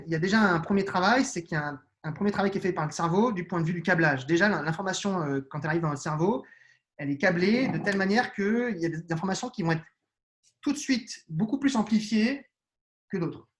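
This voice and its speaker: A man's voice: high voice, quick pace, a bit bright. A man with children answering interview questions on neuroscience, explaining patiently with frequent restarts and hesitations. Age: adult with children. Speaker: neuroscience guest.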